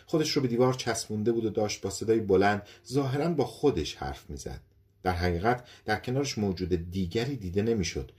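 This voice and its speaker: Low-voiced, expressive male audiobook narrator. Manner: expressive storytelling reading. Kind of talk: scripted narration.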